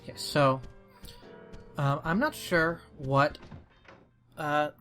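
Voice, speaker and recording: A man's voice: fairly high pitch, slow, sharp tone, soft background music. A man hosting a let's play, chatting casually and loosely over the game with plenty of fillers. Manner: loose, hesitant, full of fillers. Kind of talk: casual gaming commentary.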